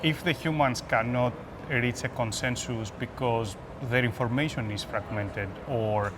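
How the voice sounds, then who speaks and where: A Greek man with a Greek accent, an application security expert, answers interview questions conversationally as a guest. His medium-pitched voice pauses between phrases as he explains, with noticeable urban noise in the background.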